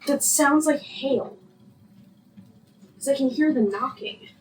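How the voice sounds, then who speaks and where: A woman's voice: sits high, takes it slowly, darkish tone. A young woman chatting casually while playing a video game, blunt and profane, with a jokey edge. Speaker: let's play host. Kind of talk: casual gameplay chat. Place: home room while it rains. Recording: distant mic with faint noise.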